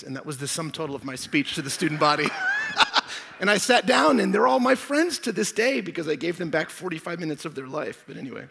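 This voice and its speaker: A man preaching, hoarse from losing his voice, joking and rambling through asides at the start of his sermon. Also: on the high side, fairly bright tone. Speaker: pastor. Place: church hall. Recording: long hall reverb.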